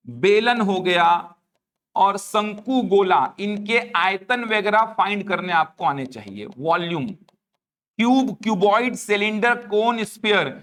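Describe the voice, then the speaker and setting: A man's voice: high voice, a bit bright. A man teaching an exam-prep class, going through the syllabus and often checking that students follow.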